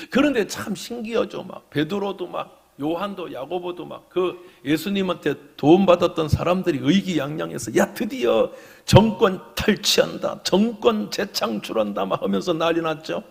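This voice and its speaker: A man preaching a sermon as pastor, swinging from loud proclamation to hushed whispers. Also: a little high, vocal fry, husky, in a large hall.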